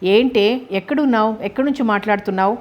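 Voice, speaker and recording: Woman doing an affectionate woman official, soft but in charge. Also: medium pitch, quick pace, muffled recording, close to an everyday voice. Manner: affectionate with quiet authority. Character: affectionate authoritative woman collector.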